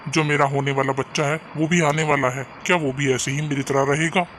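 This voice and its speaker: A man's voice: fairly high pitch, steady tone, moderate pace, a bit bright, a little hiss or hum, close to an everyday voice. A man voicing a poor young junk seller in a cartoon story, earnest and caring, sometimes despairing. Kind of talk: cartoon voice acting.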